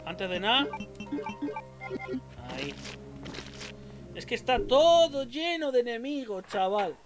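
A young man from Spain with a Spanish accent, streaming a game and talking through it, excitable and swearing often. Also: very high voice, slow. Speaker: gameplay streamer. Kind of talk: let's play commentary. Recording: game music playing behind.

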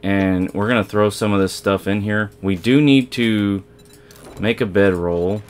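Low-voiced guy narrating his survival game run, rambly, keeps restarting sentences. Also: fairly even intonation, measured pace, a little hiss or hum. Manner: rambling, self-correcting, talks to viewers while playing. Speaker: let's play host. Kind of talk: casual gameplay commentary.

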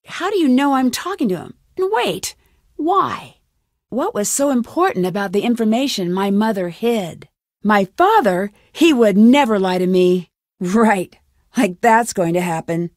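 An American woman voices a determined young amateur detective, the protagonist of a video game, in a lightly acted, studio-quality recording with no echo. Her mid-range, darkish voice has lively intonation and a slightly slow pace, and she sounds businesslike and curious, assertive, questioning and clearly enunciated.

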